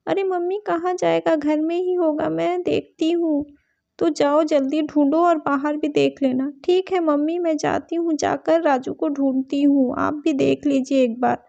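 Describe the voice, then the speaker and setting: A woman's voice: high voice, fairly even intonation, a little slow, vocal fry, warm tone, highs cut off. A woman voicing a young daughter in a doll story, whiny and complaining. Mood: grumbling. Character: young daughter, sleepy and grumbling.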